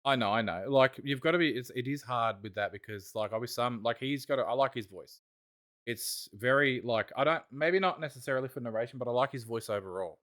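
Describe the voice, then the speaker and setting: A man's voice: mid-range voice, a little fast, a bit bright. A man chats on a casual podcast in a mid-range voice, rambling with enthusiasm. He trails off and restarts his thoughts as he goes. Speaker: podcast co-host.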